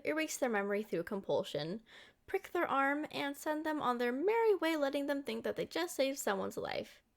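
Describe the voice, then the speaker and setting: Using a full character voice pitched high, the woman performs an ASMR roleplay as a vampire girlfriend who has lived for centuries but looks young. She talks to the listener in a sweet, affectionate and expressive way.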